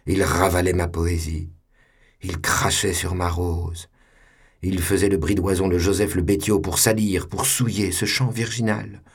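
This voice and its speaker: Low, husky man reading dramatically. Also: fairly even intonation. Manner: measured, theatrical.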